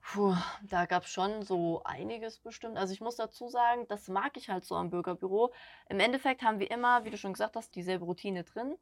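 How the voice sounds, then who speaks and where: A young woman from northern Hesse who works as a citizen office clerk, chatting through interview answers as an animated storyteller. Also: medium pitch, a little fast, dry recording. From northern Hesse, Germany.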